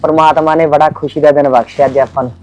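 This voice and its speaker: A man's voice: on the high side, flat delivery, quick pace, a little mellow, soft background music, close to an everyday voice, low-quality recording. An actor with a Punjabi accent playing a friendly middle-aged father of the groom in a village family drama. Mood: cheerful.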